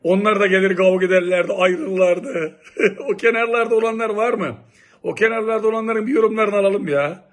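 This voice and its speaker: A middle-aged man from Turkey telling old local stories in a lively, exclamatory, casual way. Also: high-pitched, brisk. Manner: animated, exclamatory, lively storytelling. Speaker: local vlogger reminiscing. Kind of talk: casual nostalgic monologue.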